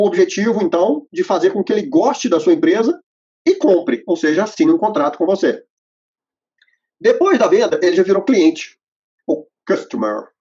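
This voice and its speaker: Presenting to accountants, a host with a husky, high, dark-toned voice explains a process step by step in an instructional conversation. He leans on frequent fillers while listing each stage, and the audio is muffled and lo-fi.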